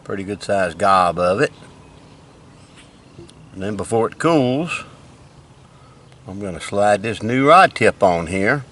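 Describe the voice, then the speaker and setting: A man's voice: lowish voice, expressive, slow, pauses often, a bit bright, a little hiss or hum. An older retired man, chatting casually in a folksy, plain-spoken way as he fishes and demonstrates things outdoors by a lake. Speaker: fishing vlogger.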